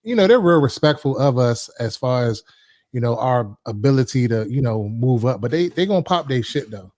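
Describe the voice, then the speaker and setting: A man's voice: mid-range voice, expressive, a little fast, darkish tone, no echo, studio quality. Blunt, foul-mouthed man chatting sports. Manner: blunt, swears freely. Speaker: podcast co-host. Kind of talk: casual sports chat.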